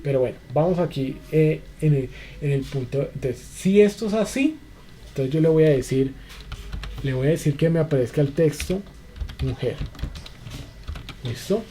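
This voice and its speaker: A man's voice: fairly high pitch, moderate pace, long pauses, mellow, a little hiss or hum. A man teaching an online spreadsheet class, walking through each step patiently with many repeated fillers. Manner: patient, repetitive, fillers like "entonces" and "listo". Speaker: instructor.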